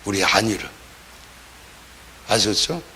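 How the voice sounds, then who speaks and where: A man's voice: lowish voice, expressive, slow, bright, forceful tone, slight background noise. A man preaching a sermon as pastor, talking in a colloquial way and acting out the voices of the people he quotes.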